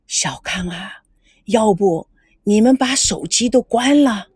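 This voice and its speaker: A woman's voice: a little high, lively intonation, a little slow, a little mellow, husky, no echo. A woman doing a shy elderly grandma, hesitant whisper, dry close sound, storybook. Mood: timid. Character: older grandmother, timid and soft.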